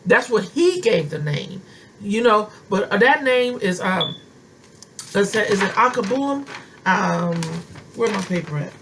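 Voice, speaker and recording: A woman preaching straight to her listeners with fervent, homespun conviction. Her voice sits at an ordinary middle pitch, and she drives points home by repeating phrases. A faint background hiss runs under her talk. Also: expressive, a little slow. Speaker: preacher and self-styled prophetess. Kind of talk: informal sermon, speaking to viewers.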